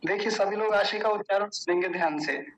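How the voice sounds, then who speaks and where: A middle-aged man teaching verse pronunciation in a class, explaining patiently and chanting verses slowly and deliberately. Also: high-pitched, a crowd in the background, rough recording. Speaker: Sanskrit recitation teacher.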